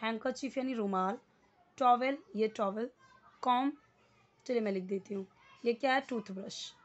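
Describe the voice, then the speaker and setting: A woman's voice: on the high side, lo-fi sound. A young woman teaching a casual English lesson, explaining patiently and repeating each word. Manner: explains slowly, mixing Hindi and English, repeating words.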